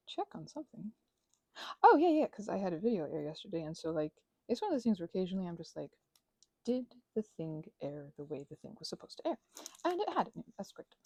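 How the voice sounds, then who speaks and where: A woman in her thirties who makes crafting vlogs and ASMR content rambles casually from one tangent to the next, with a sarcastic, self-deprecating streak. Her voice is fairly high, gravelly and warm, and the recording is dry.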